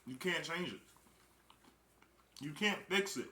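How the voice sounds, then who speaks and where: Young guy giving a pep talk, keeps repeating himself for emphasis, kinda high voice, echoey room. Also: lively intonation, takes it slowly, sharp tone. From Chicago, Illinois. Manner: emphatic, repeats key phrases. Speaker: network marketing recruiter. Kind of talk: casual motivational talk. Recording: roomy echo.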